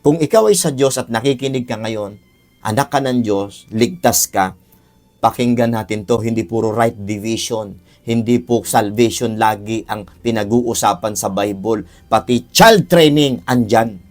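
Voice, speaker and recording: A man's voice: fairly low pitch, measured pace, a little mellow. A man teaching a Bible lesson, earnest, calling his listeners brothers and sisters and repeating key phrases for emphasis. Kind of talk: Bible teaching on child discipline. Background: faint music.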